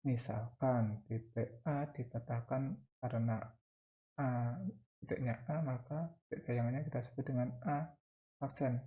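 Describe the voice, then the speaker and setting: A man's voice: medium pitch, steady tone, measured pace, pauses often, muffled recording. A man with an Indonesian accent teaching mathematics step by step, dictating in short phrases and repeating key terms. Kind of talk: spoken math lesson, explaining step by step.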